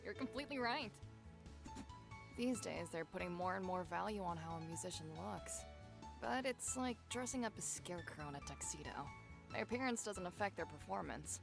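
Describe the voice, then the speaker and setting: An actress voicing a composed, proud adult female violinist in game dialogue, telling her story with measured, dry disdain. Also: fairly low pitch, expressive, creaky, music in the background. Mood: wry. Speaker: violinist character.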